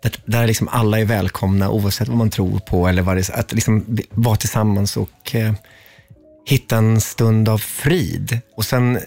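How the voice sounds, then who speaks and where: A man talking as a guest on a chat show, earnest and halting, with frequent restarts. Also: on the low side, steady tone, vocal fry, a little mellow, no room sound, faint music behind. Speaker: guest singer. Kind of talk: casual chat.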